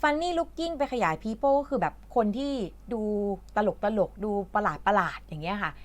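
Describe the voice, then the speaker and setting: A woman's voice: a little high, sing-song, unhurried. A woman from Thailand who teaches English, patiently explaining a reading lesson in a chatty way with lots of fillers.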